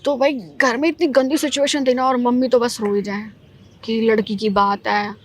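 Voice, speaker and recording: Young woman guest telling her ghost story, a bit high voice, lots of "na" fillers. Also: normal speed. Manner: animated storytelling, emphatic "ना" fillers.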